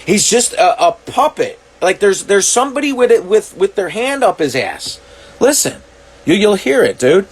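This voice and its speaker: A man talking to camera, reacting to clips, swearing often and working out his thoughts aloud with halting restarts. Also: high-pitched, very animated, slightly rough. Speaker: commentary vlogger. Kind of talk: reaction monologue.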